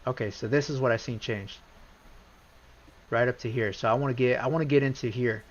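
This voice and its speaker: A man talks loosely over his charts in a middle-pitched voice, circling back and repeating himself as he gets worked up. The stream audio is a bit dull and lo-fi, like a basic desk mic. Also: fairly quick. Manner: rambling, restarts often, gets excited and repeats himself. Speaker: livestream trading host. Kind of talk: casual live chart walkthrough.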